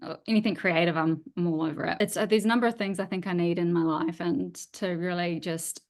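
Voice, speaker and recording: A woman's voice: on the low side, fairly even intonation, brisk. A woman in her thirties with a New Zealand accent, an author talking casually on a video call, rambling and hesitant with many restarts. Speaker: author guest. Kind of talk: casual interview chat. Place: home.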